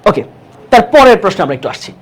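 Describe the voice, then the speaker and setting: A woman with a medium-pitched, sing-song voice teaches an exam-prep English grammar lesson. She keeps asking the class check questions and slowly repeats key words for emphasis.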